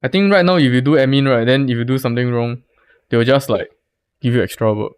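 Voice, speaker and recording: A young Singaporean man talks loosely to his viewers during a live stream, with a voice of ordinary middle pitch. His phrasing is slangy and rambling, like chat with friends. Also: fast talker, clean tone.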